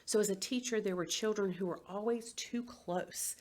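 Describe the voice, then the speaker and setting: A woman's voice: mid-range voice, moderate pace, darkish tone. A woman, a former teacher, giving an educational presentation and acting out tones of voice as she explains.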